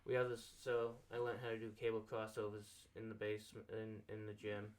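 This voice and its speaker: A man's voice: fairly low pitch, little pitch movement, brisk. A young man hosting a casual podcast chat, rambling and swearing freely. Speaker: podcast host.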